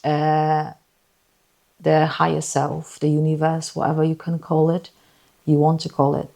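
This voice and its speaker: A woman with a low voice speaks as a podcast guest. She tells her personal story earnestly, stopping and restarting and repeating words as she goes. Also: monotone, measured pace, creaky, dark tone. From Poland.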